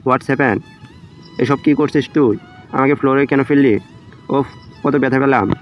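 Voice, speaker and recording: A man's voice: medium pitch, fairly even intonation, unhurried, lightly acted. A man voicing a scheming young woman, indignant and pleading, in a romantic audio story. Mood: indignant, pained. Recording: dull lo-fi audio under music.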